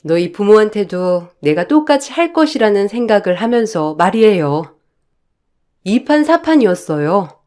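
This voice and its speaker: A woman's voice: mid-range voice, darkish tone. A woman in her thirties narrating a first-person story in a resentful, determined tone.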